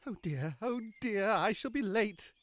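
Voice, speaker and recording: A man's voice: high voice, lively intonation, a little slow, dry recording. Storybook rabbit: male, fussy, anxious, muttering, very dry close recording. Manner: fretful, muttering to himself. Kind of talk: full-cast audiobook acting.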